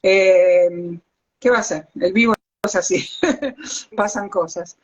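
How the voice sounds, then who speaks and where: A woman with an Argentine accent, a biologist guest chatting casually in a live video call from a hallway at home, overheated and talking in quick asides. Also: medium pitch. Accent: Argentine Spanish. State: overheated from the heat. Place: hallway at home beside the router. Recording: lo-fi phone audio.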